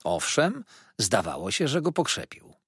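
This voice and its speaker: Male audiobook narrator, husky, expressive pitch, dead-dry booth. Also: a little slow, no room sound. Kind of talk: scripted first-person narration.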